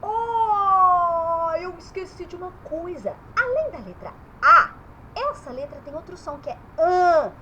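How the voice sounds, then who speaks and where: A woman's voice: very high-pitched, very animated, normal speed, sharp tone, highs cut off, slight background noise. A woman teaching young children about letters and vowel sounds in her bedroom, stretching the vowels as she speaks.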